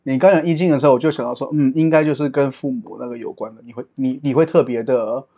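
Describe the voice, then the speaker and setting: A man co-hosting a casual podcast chat, teasing his friend in quick banter. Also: mid-range voice, dark tone, dull audio.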